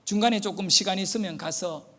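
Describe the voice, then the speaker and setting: A man's voice: sits high, a little fast, bright, forceful tone. A man preaching a sermon as pastor, telling a story animatedly and acting out the voices in it.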